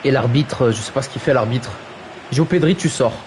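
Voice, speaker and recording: A man's voice: mid-range voice, normal speed, darkish tone. Guy streaming a footy game, jokey play-by-play, mid voice, slight hiss. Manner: jokey, mocks players' names, reads chat aloud, exclaims "aïe aïe". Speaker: streamer commentating a video game football match. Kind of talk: playful live play-by-play commentary. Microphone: streaming microphone.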